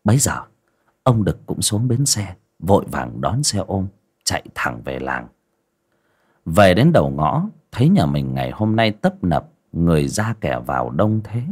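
A man narrating a village ghost story on a livestream, pausing and repeating words as he goes. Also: sits low, big pitch swings, darkish tone, husky. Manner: hesitant, repeats words and restarts.

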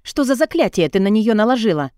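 A woman voicing an angry, protective mother who talks in a sharp, indignant way, in a dry, close voice. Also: mid-range voice, expressive, normal speed, no echo, lightly acted. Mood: demanding. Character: furious, protective mother, accusing.

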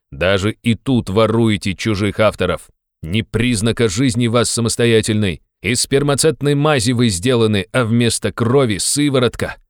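A man voicing a hot-tempered, blustering young male friend who shouts and scolds. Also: fairly low pitch, clear, resonant tone, dry recording, studio quality, pitched above the performer's own voice, lightly acted.

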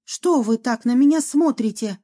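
A woman voicing a chatty young female ghost, a former medium, who talks in a lively, theatrical way and sighs a lot. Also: on the high side, moderate pace, natural voice. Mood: wistful. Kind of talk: audiobook reading.

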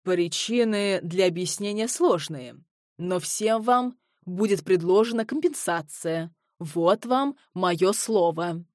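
Lady doing a formal badger hotel guy, measured and steady, slow, dry close sound. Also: fairly low pitch, no echo.

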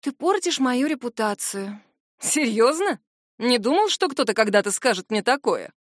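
A woman reading the lines of a young male death mage who is teasing and calmly firm. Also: a little high, moderate pace, no room sound, studio quality.

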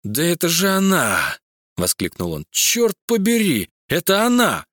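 A man's voice: medium pitch, expressive, normal speed, dry recording, clean studio sound, close to an everyday voice. A man voicing Igor, an exasperated private detective protesting and recalling an attack, in a crime audiobook. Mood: agitated. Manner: exasperated, pleading. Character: indignant male private detective, middle-aged.

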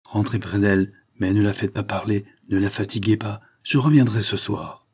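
A man's voice: on the low side, fairly even intonation, moderate pace, darkish tone, breathy edge. A man voicing a sober grave doctor. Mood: calm firm.

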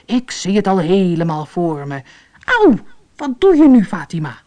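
A woman voicing a boastful, greedy poor man, excited and grandiose. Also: fairly low pitch, moderate pace, natural voice. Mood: startled.

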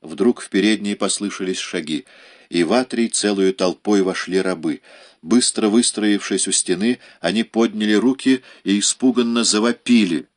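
A man reading a historical novel aloud as an audiobook narrator, measured and dramatic. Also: on the low side. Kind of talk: scripted narration.

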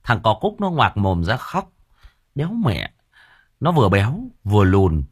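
A deep male voice reads a novel aloud as an audiobook. His delivery swings lively up and down, colloquial and expressive. The sound is close and dry. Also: a little slow, slightly rough, dry recording. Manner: colloquial, expressive reading with coarse asides. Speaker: audiobook narrator. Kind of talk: storytelling narration of a novel.

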